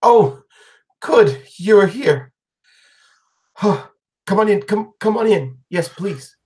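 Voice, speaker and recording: A man's voice: high voice, expressive, slow, a little mellow, voice pushed up. A man voicing a short, flustered, polite woman in a tabletop game, hesitant and repeating words, eager to please. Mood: flustered, welcoming.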